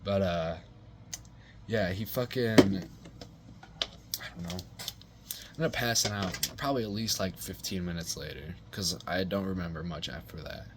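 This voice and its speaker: A man's voice: sits low, measured pace, pauses often, background noise. A young man casually telling a rambling personal story, full of swearing, slang and fillers.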